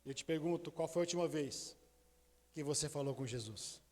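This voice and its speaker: High-voiced preaching pastor in echoing hall. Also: male voice, moderate pace. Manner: impassioned preaching, swinging between loud declarations and hushed, intimate asides. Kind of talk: sermon. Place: church sanctuary.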